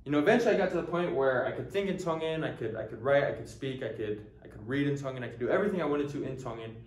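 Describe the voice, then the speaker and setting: A young American man in his early twenties, a language teacher, casually introduces a language course in earnest, with lots of ums and restarts. His mid-range voice has a lively intonation, and he talks very fast in an echoey room.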